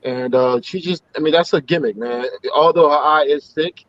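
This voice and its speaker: A man from Haiti cuts into a casual group chat, emphatic and repeating words, his fairly high, slightly bright voice moving at a normal speed. The call audio is dull, lo-fi, and very dry.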